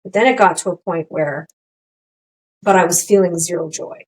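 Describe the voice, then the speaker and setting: A middle-aged woman co-hosting a podcast, talking candidly in casual chat, rambling with many restarts and animated quotes of her own thoughts. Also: on the low side, moderate pace, husky, poor audio. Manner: rambling, restarts often, animated quoting of herself. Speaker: podcast co-host.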